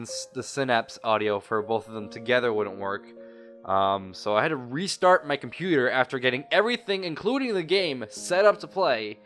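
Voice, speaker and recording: Over background music, a man hosting a gaming video gives casual let's play commentary, rambling and often rephrasing when he loses his thread. His voice is medium-pitched and a bit bright.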